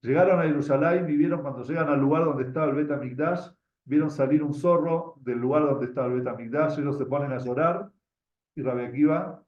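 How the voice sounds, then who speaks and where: A slightly high, somewhat quick male voice with an Argentine accent tells a group a religious story in a teaching role. He often halts, repeating words while reaching for the next, and directs questions at his audience. The audio is lo-fi and dull, recorded in a room with echo.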